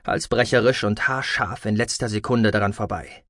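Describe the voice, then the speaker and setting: A man narrating a science-fiction audiobook in a steady, measured storytelling manner. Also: on the low side, dry recording, clean studio sound.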